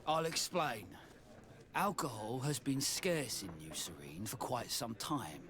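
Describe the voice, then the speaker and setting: A man's voice: mid-range voice, big pitch swings, slow, a bit bright. A man playing an aggrieved tavern keeper in a video game, formal and complaining. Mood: exasperated. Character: aggrieved male tavern keeper, exasperated merchant. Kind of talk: video game character acting.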